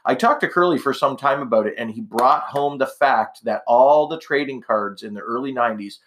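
A man's voice: mid-range voice, normal speed, fairly bright tone, a little hiss or hum. Chatty, rambling male podcast host. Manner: rambling, chatty, self-correcting asides. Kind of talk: casual blog-style podcast monologue.

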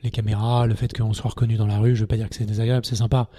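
A middle-aged man, a former poker TV presenter, talking casually as a podcast guest and acting out anecdotes with lively energy. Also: on the low side, very fast. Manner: animated storyteller, acts out scenes in shouts.

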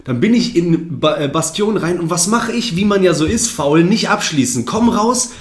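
Man, 30s, upbeat slangy storyteller, a touch higher voice, roomy echo. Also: normal speed. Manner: animated anecdotes, slangy, laughs often. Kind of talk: casual chat, storytelling.

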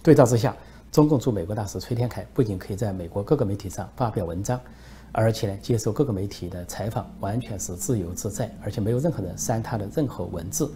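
A man's voice: fairly low pitch, fast talker, dark tone. A man giving solo political commentary in an emphatic way, with frequent fillers.

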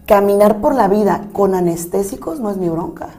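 A woman, a psychologist hosting a talk show, speaking with emphatic, expressive reactions. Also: medium pitch, moderate pace. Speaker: psychologist and host.

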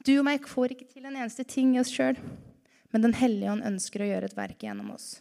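A woman preaching a lively sermon to her congregation, full of rhetorical questions. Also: on the high side, creaky. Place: church hall. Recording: reverberant church hall.

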